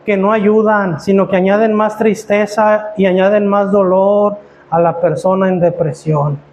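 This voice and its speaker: A man's voice: sits high, a little mellow, slight background noise. A man, preaching a sermon as pastor, asking his listeners rhetorical questions and often stumbling over repeated words.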